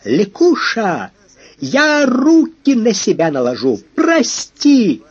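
A man's voice: fairly high pitch, sing-song, measured pace, breathy edge, no echo, muffled recording, pitched above the performer's own voice, exaggerated voice. A man voicing a theatrical young male opera singer who pleads melodramatically with his lover, in an audiobook. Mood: desperate. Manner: melodramatic, imploring.

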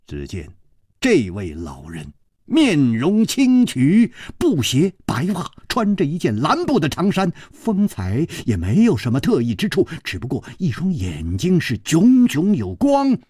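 A man telling a traditional story with a Beijing accent and dramatic, lively intonation. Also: fairly high pitch, measured pace, slightly rough, dry recording, clean studio sound.

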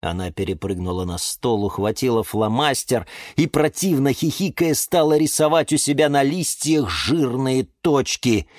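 A narrator reading a children's story aloud in a lively, expressive way. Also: mid-range voice, moderate pace, hardly any pauses, no echo, clean studio sound.

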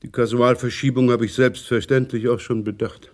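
A man's voice: medium pitch, level tone, normal speed, natural voice. Man playing Professor Bur-Malotke, a pompous, imperious essayist. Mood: irritated, imperious. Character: pompous, self-important, big male professor and essayist. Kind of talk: German radio play acting.

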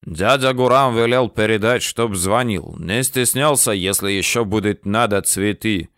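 A man's voice: lowish voice, unhurried, a bit bright, clear, resonant tone, no room sound, studio quality. A man voicing a friendly young man with a Georgian accent.

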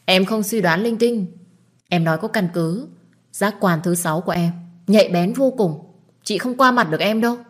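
A woman's voice: fairly low pitch, darkish tone, husky. A woman doing a pushy, nosy young woman. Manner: pushy, quick to scold. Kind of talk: audiobook dialogue.

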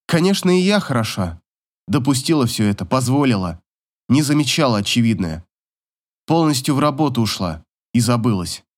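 A man's voice: mid-range voice, big pitch swings, normal speed. A man reading a first-person story audiobook, telling it in an emotional, dramatic way. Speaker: audiobook narrator.

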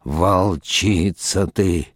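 A man's voice: medium pitch, slow pace, a little mellow, clean tone, no echo, studio quality, pitched above the performer's own voice, close to an everyday voice. A man voicing a self-pitying middle-aged husband in an audiobook, nasal and drawling, declaiming melodramatically. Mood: wailing. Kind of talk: audiobook reading.

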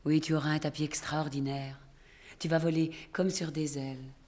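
A woman's voice: deep voice, level tone, normal speed, darkish tone. An actress playing a soothing, motherly woman at the circus, heard from a little distance.

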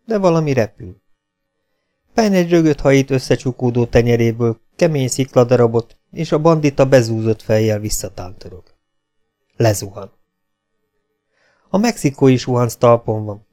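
Mellow-voiced man reading a story. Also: mid-range voice. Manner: measured, dramatic reading. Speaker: audiobook narrator. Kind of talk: scripted narration.

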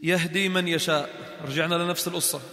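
Levantine male teacher in a mosque, bright and energetic, quizzes the class; roomy hall reverb. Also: on the high side, fast talker. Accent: Levantine Arabic. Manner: animated, acts out little scenes and asks the class questions. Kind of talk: classroom religious lesson. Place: large echoey mosque hall.

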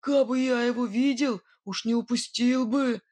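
Storybook villain: woman voicing a gruff, blustering robber man, loud and raised in pitch. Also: steady tone, a little slow, no echo. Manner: blustering, then grim and menacing. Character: gruff boastful male robber whistler. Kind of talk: audiobook character voice.

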